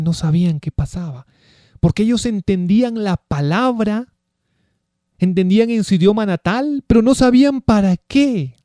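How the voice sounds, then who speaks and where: A man's voice: high-pitched, warm tone, dry recording, clean studio sound. A man giving a Bible teaching sermon, emphatic and full of rhetorical questions. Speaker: preacher.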